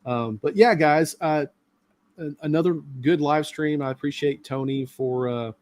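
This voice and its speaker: A man's voice: fairly high pitch, unhurried, darkish tone. A middle-aged man hosting a live stream, talking casually and at length with many fillers. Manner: rambling, talkative, lots of fillers.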